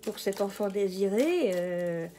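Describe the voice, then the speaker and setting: Woman, tarot card reader, slow pace, hesitant, lots of fillers, casual reading. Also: mid-range voice, expressive, dark tone, a little hiss or hum. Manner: hesitant, many fillers and restarts, laughs at own jokes.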